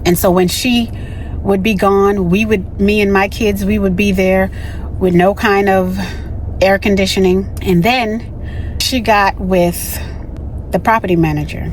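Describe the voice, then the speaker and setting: A woman's voice: mid-range voice, steady tone, measured pace, slight background noise, rough recording. A woman in her thirties who grew up in Miami, candidly recounting a story in a casual vlog and often adding "you know.". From raised in Miami, born in the Bahamas. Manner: candid, conversational, with frequent "you know" asides. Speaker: vlogger.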